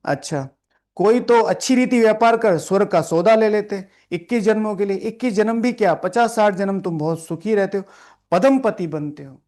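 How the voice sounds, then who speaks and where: This spiritual teacher has a high-pitched voice with a darkish tone. Before a live audience in a meditation hall, he reads and explains the lesson to a seated class sermon-style, scolding them, repeating lines, putting questions to the room, and regularly saying "theek hai" as a check-in.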